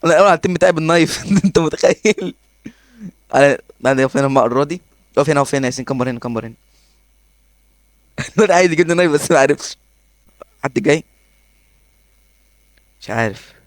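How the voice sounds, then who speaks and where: A man with an Egyptian accent giving excitable gameplay commentary, laughing often and talking to himself as he plays. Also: on the high side, fast, pauses often, no room sound. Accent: Egyptian Arabic. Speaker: gaming YouTuber.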